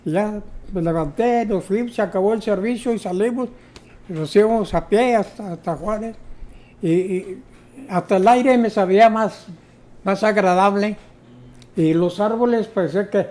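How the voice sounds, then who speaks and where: A man's voice: high voice, normal speed, a little mellow. An older man, telling his personal testimony as an interview guest, hesitant, with many fillers. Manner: storytelling, hesitant with repeated fillers. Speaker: interview guest, former co-pastor.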